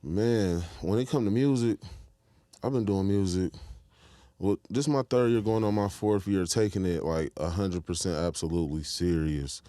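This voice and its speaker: Deep-voiced laid-back rapper from Michigan. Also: male voice, moderate pace, mellow, no echo, studio quality. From Detroit, Michigan, US. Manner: laid-back, slangy, keeps asking "you feel me". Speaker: guest rapper. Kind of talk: casual interview chat.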